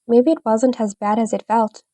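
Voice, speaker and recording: A woman voicing a lonely young orphaned shapeshifter child who speaks softly and earnestly in a read-aloud story. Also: on the high side, steady tone, normal speed, no room sound, close to an everyday voice. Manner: soft, earnest and tearful.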